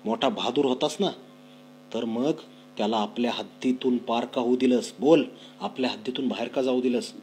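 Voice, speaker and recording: A man's voice: mid-range voice, fairly even intonation, normal speed, slight background noise, close to an everyday voice, poor audio. Man playing a stern old village headman. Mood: scolding. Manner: scolding, forceful.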